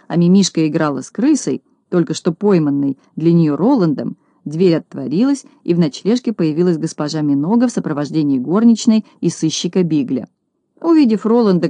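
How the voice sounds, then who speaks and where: A woman narrating a children's tale as an audiobook, in a steady storytelling way. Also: fairly low pitch, no echo.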